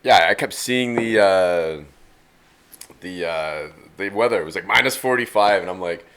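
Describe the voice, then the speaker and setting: A man co-hosting a podcast, chatting casually and telling rambling, animated stories. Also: deep voice, moderate pace, smooth. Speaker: podcast co-host. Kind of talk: casual chat. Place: rural cottage area.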